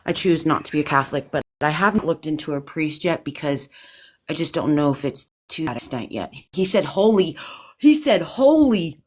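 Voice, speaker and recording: Tired low-voiced woman rambling nervously on a live ghost hunt stream. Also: a little fast. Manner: anxious, rambling with restarts. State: exhausted, drained. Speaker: paranormal investigator host.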